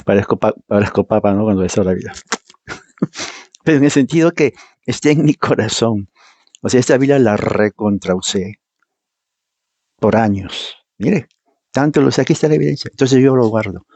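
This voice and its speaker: Preacher, male, emphatic and argumentative, mellow husky tone. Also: lowish voice, expressive, moderate pace, long pauses, no echo. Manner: emphatic, argumentative, repeats points, mimics others. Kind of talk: informal teaching sermon. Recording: dull, muffled dry sound.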